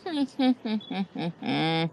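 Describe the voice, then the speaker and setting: A woman's voice: medium pitch, very animated, drawn-out words, gravelly, darkish tone, slight background noise. A woman in casual chat who is sick, giggling often and drawing out her reactions. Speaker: co-host of a live audio chat.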